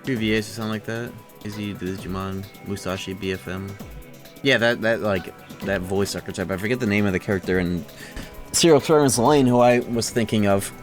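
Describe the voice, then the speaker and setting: A man with a lowish voice talks a little fast while streaming a video game, with faint music in the background. His casual livestream chat rambles into rants, and he swears freely.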